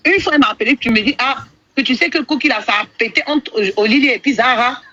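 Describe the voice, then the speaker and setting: A woman's voice: high voice, fast, sharp tone. A woman calling into a live stream, hesitant and defensive, repeating herself. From Ivory Coast. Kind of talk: heated phone call on a live stream. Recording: muffled phone-call audio.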